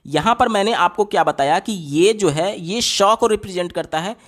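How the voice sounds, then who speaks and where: A man's voice: high-pitched, normal speed, fairly bright tone. A man explaining exam questions step by step as a teacher, often asking a question aloud and then answering it himself. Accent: Hindi. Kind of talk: explaining lesson on screen.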